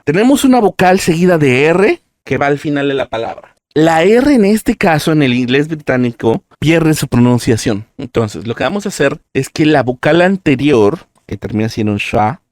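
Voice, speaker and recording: A man's voice: a little high, sing-song, normal speed, hardly any pauses, darkish tone, no room sound, clean studio sound. A man teaching a live-streamed language lesson, explaining pronunciation patiently and step by step. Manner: explanatory, talks through examples step by step.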